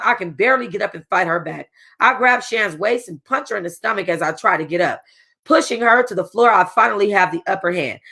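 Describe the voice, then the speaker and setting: For a book club, a woman reads a first-person novel aloud in a casual, expressive way with a streetwise edge. Her voice is medium in pitch and slightly rough.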